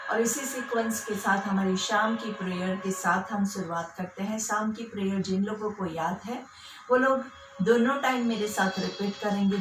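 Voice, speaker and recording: A woman yoga instructor leading a guided breathing class, calmly counting each breath in and out. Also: medium pitch. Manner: calm slow counting of breaths, mixing Hindi and English. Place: care center hall. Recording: roomy, from far off, with music.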